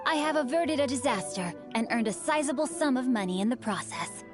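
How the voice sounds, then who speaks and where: An actor playing a witty, refined young noble heir in a game, formal and wry. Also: male voice, extremely high pitch, expressive, brisk, over music. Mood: composed.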